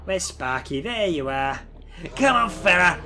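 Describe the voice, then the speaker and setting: A man in his thirties streams a game through a headset, his high voice expressive, pushed and bright, yet measured in pace. A head cold leaves him nasal and stuffy as he chats casually, swears at the creatures, and slight background noise lingers.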